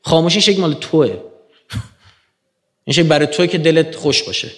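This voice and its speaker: Male lecturer addressing a crowd, higher-pitched, lively delivery that swings from quiet asides to forceful climaxes. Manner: animated, swings from low murmurs to emphatic rising peaks. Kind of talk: lecture to an audience.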